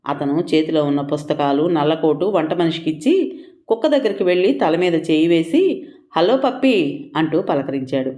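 A storyteller giving a measured, expressive scripted reading of a novel. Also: mid-range voice.

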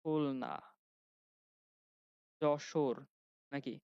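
A man's voice: on the high side, steady tone, very slow, warm tone, clear, resonant tone, dry recording. Young male teacher, Khulna Bangla accent, chatty classroom lecture style, dry and slightly dull recording. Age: young adult. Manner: chatty, asks students questions, restarts sentences. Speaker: grammar instructor.

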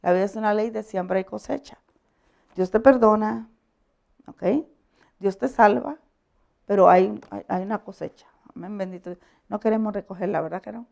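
A woman pastor giving a conversational sermon, telling animated stories, laughing often and checking that her listeners agree. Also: medium pitch, moderate pace, vocal fry, long pauses. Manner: animated storytelling, asks the audience for agreement; laughs often while preaching.

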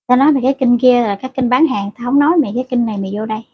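A woman's voice: on the high side, highs cut off, slight background noise. A middle-aged woman hosting a casual livestream. She reads out viewer comments and scolds rude commenters bluntly and crudely. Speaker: livestream host.

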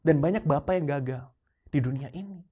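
Animated preaching man in his thirties. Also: fairly high pitch, brisk, slightly rough. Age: 30s. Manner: animated, mixes English phrases into his preaching. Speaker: pastor. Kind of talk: sermon with personal storytelling.

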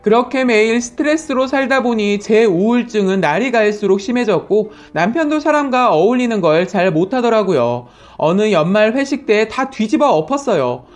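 A woman reading a listener's story aloud, telling it in an indignant, expressive way. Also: mid-range voice, moderate pace, few pauses. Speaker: story reader.

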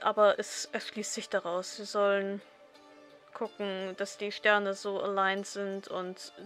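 A woman's voice: mid-range voice, a bit bright. A young woman, a native German speaker with a German accent, casually streaming a game and reading its text aloud. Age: young adult. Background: game music.

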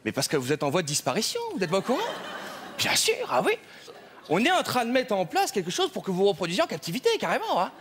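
A man's voice: sits high, huge pitch swings, fast, fairly bright tone, heavily acted. A man playing a fussy, mock-polite male census clerk at a counter in a stage comedy sketch, with stammering fillers. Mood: officious.

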